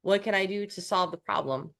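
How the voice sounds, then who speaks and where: A woman's voice: mid-range voice, fairly quick, creaky, a bit bright. A woman from New York co-hosting a coaching podcast, chatting casually with restarts and self-deprecating asides.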